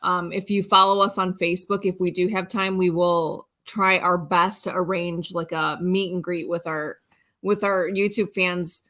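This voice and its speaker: A woman's voice: fairly low pitch, level tone, moderate pace, pushed and bright. A woman co-hosting a live stream, cheerfully reading out viewer messages and laughing along. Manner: cheerful, laughs often, relays chat messages. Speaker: co-host reading the live chat. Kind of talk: casual live-stream chat.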